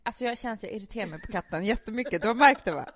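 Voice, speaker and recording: A woman's voice: fairly high pitch, no room sound. A woman in her thirties, co-hosting a casual chat with her sister and telling stories with lots of laughter. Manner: laughs often, animated storytelling. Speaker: podcast co-host.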